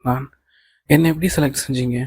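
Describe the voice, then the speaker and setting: A man's voice: mid-range voice, steady tone, a little fast, darkish tone, husky, lightly acted. A man reading a nervous, grateful young woman. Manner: names the speaker before each line. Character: young woman employee, anxious and overjoyed. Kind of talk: audiobook reading of a novel.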